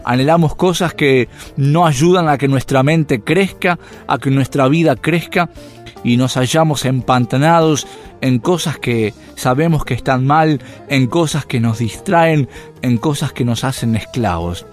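A man's voice: medium pitch, a little slow, soft background music. A man giving a radio devotional sermon, asking rhetorical questions and letting his voice rise and drop. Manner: rhetorical questions, animated rises and drops. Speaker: radio preacher.

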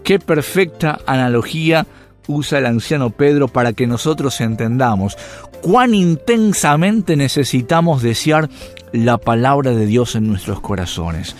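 A man's voice: mid-range voice, a little slow, soft background music. A man giving a radio devotional sermon, asking rhetorical questions and letting his voice rise and drop. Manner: rhetorical questions, animated rises and drops. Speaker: radio preacher.

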